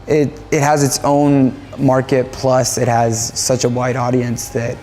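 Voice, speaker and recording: A man's voice: mid-range voice, completely flat delivery, unhurried, mellow. A man from Japan, a band musician, talking casually in an interview in a rambling way, often repeating phrases and restarting.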